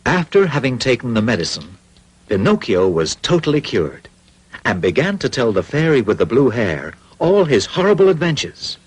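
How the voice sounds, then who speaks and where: A man's voice: medium pitch, big pitch swings, normal speed, breathy edge. A man narrating a cartoon story in a wry storytelling manner.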